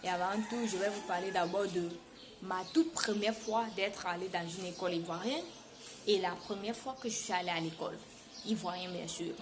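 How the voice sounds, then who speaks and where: A woman from Cameroon with a Cameroonian French accent, telling a casual story to her viewers in an animated way and repeating words for emphasis. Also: lowish voice, moderate pace. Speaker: vlogger. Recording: noisy background hiss.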